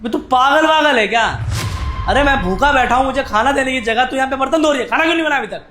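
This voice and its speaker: A man playing a fast-talking, hot-tempered father. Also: high-pitched. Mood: angry. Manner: shouts and threatens, then speaks softly and apologetically. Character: hot-tempered husband and father who later apologizes. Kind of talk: family drama skit.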